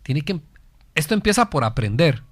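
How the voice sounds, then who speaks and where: A man's voice: fairly high pitch, big pitch swings, normal speed, no echo, studio quality. A man from Costa Rica with a Costa Rican accent, hosting a family guidance program and lecturing earnestly on parenting, often asking himself questions and answering them. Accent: Costa Rican Spanish. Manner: earnest, rhetorical questions, repeats phrases for emphasis. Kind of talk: didactic talk on parenting.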